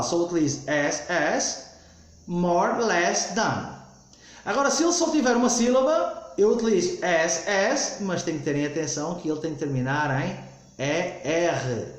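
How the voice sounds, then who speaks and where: A man teaching English grammar in a recorded lesson, explaining slowly and repeating himself with frequent "ok?" checks. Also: high-pitched, heavy reverb.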